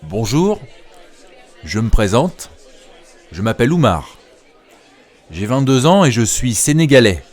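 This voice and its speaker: Man reading a slow French listening dialogue. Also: medium pitch, big pitch swings, a little mellow, some chatter behind.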